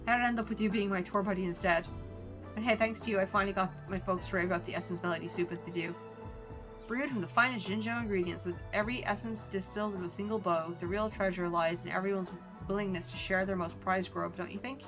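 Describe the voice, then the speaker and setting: A woman's voice: mid-range voice, steady tone, quick pace, music in the background, lightly acted. An Irish woman reading as an upbeat young patrol officer. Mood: cheerful. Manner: reading game dialogue aloud, upbeat.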